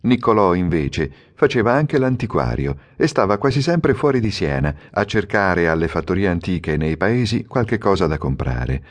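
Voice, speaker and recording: A man narrating an audiobook in a measured, expressive storytelling manner. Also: sits low. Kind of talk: scripted narration.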